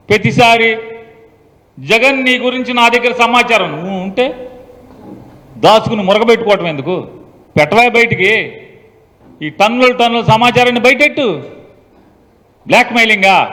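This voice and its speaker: A man politician giving a forceful public speech, taunting and mocking as he talks. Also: very high-pitched, in a large hall, poor audio.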